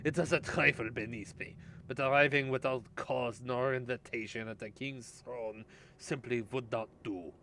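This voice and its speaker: A man's voice: medium pitch, steady tone, moderate pace, bright, forceful tone, voice pushed up. A man putting on a haughty villain with a mock German accent. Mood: sinister, gloating. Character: sinister, haughty aristocratic man writing a journal. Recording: noisy home gameplay recording.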